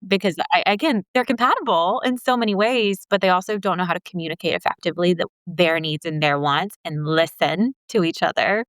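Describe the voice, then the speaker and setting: A young woman co-hosting a relationship podcast, drawing on her counseling work. Her voice is smooth and clean, recorded close and dry, and she keeps a quick, animated conversational flow. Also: on the low side, dry recording. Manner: animated, fills speech with "like". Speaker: podcast co-host and couples counselor. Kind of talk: casual podcast chat.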